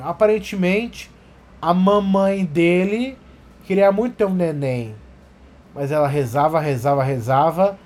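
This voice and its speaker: High-voiced animated man. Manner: animated, profane, acts out scenes. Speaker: podcast talker. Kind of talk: casual comedic storytelling.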